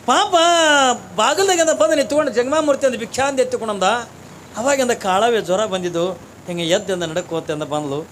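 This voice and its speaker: A man's voice: high-pitched, expressive, brisk, slight background noise. A man preaching a devotional sermon in a North Karnataka Kannada accent, telling a story and asking the audience rhetorical questions. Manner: rhetorical, repeats phrases and asks the audience questions. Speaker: religious preacher.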